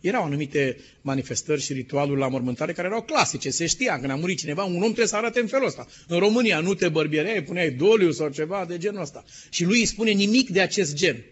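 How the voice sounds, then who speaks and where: A male pastor preaching a sermon emphatically, sometimes dropping to a hushed tone. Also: high voice, expressive, few pauses, a little hiss or hum. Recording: dull lo-fi sermon recording.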